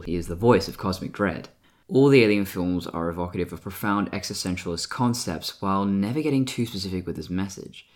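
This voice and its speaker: Man with a hybrid English-Australian accent. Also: deep voice. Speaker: film essayist. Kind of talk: scripted video essay commentary.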